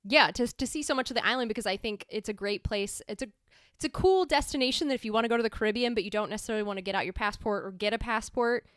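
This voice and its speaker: A woman's voice: a little high, very fast, fairly bright tone, clean tone, dry recording. Woman chatting casually in a dry room. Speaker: podcast co-host, travel blogger. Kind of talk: casual unscripted podcast chat.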